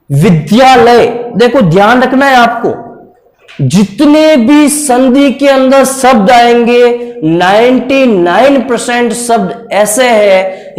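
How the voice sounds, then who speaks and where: A male teacher giving a classroom lecture, coaxing and repetitive, often checking in with his students. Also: sits high. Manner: repetitive, coaxing, keeps saying "ok friends". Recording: echoey room.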